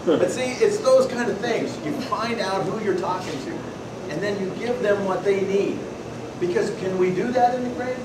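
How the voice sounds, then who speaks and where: Speaking at normal speed in a high voice, this Pacific Northwest man tells folksy stories loudly and asks questions of the audience in a meeting hall. It's a membership workshop, recorded from a distance in an echoey room with loud noise.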